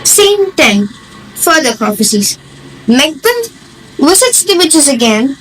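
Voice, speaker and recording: A woman's voice: high-pitched, very animated, slow pace, a little hiss or hum, low-quality recording. A woman reading scripted narration for a stage play.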